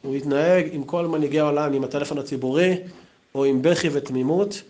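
A man giving an anecdotal memorial talk as a yeshiva teacher, telling stories in a lively way. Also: a little high. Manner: lively, storytelling, acts out quotes.

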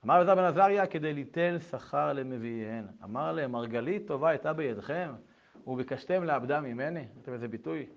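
A middle-aged man gives a Torah lesson, and his voice sits a little high. He talks in a lively way, reads old texts aloud and tells stories from his own life. The recording sounds dull and lo-fi. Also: creaky. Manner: animated, shifts between reading texts and telling anecdotes. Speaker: Torah lecturer.

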